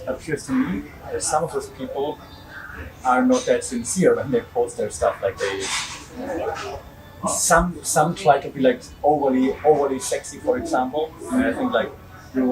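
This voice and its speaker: A man's voice: mid-range voice, far from the mic, noisy background. A man with a German accent hosting a podcast, chatting in a rambling way with frequent restarts and laughs. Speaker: podcast host. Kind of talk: casual interview chat.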